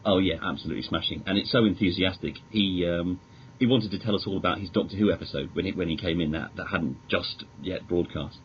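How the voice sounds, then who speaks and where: Speaking fast in a low voice, this British magazine editor chats as a podcast interview guest, rambling and hesitating yet full of enthusiasm. His British English comes through a dull, lo-fi recording with clear noise.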